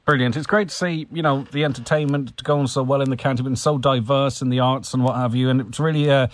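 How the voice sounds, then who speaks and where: Radio presenter, dry studio sound. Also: male voice, mid-range voice, steady tone, fast talker, no echo. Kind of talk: local radio interview hosting.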